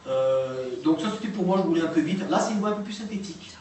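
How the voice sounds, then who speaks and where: A man giving a public talk and playing recordings, speaking haltingly with many fillers and restarts. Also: on the high side, expressive, warm tone, a little hiss or hum. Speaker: lecturer. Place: lecture room. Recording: echoey hall recorded from far off.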